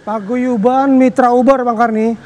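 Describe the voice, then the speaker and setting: A man's voice, very high, comes through a remote studio line like a phone feed. The feed sounds distant and roomy, with a long reverb trailing after each word. He answers in short, clipped replies. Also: fairly even intonation, measured pace, darkish tone. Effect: heard over a remote studio line, like a phone feed. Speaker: driver association spokesman. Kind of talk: answering a live remote link.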